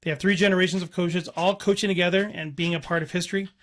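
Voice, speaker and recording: A man's voice: high voice, steady tone, quick pace, fairly bright tone. A man hosting a radio sports interview, upbeat and affirming. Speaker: radio show host.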